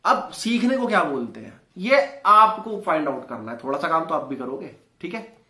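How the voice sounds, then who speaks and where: A man teaching an English lesson in Hindi, quizzing viewers with quick rhetorical questions. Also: on the high side, animated, sharp tone. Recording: roomy echo.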